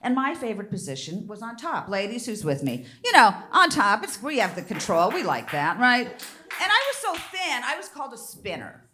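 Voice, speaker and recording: An older woman performs bawdy stand-up on a theater stage, her high voice leaping all over the place. She sounds bright and sharp, breaking into loud squeals. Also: huge pitch swings, moderate pace. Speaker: stand-up comedian. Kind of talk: stand-up comedy set. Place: theater stage before a live audience.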